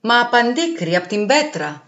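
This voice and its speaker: A woman's voice: on the high side, sing-song, a bit bright, pitched above the performer's own voice. Eager earnest young guy, read by a woman, echoey muffled sound. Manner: eager, hurried. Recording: roomy, dull, with faint music.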